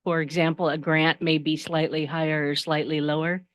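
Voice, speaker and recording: A woman's voice: deep voice, flat delivery, moderate pace. Matter-of-fact woman budget manager. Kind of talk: formal report.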